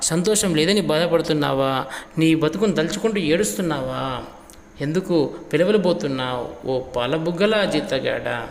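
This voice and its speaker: A man's voice: on the high side, moderate pace, vocal fry. Man teaching a poem in an echoey room. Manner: repeats lines and asks rhetorical questions. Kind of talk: explaining a textbook poem. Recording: echoey room with long reverb.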